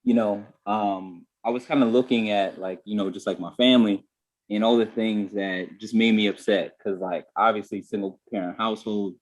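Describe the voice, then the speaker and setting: A man's voice: lowish voice, steady tone, moderate pace, a little mellow. A man speaks on a group video call in a candid, reflective way. He circles back often with "you know" and "I mean" as he tells a personal story through a call microphone. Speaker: guest.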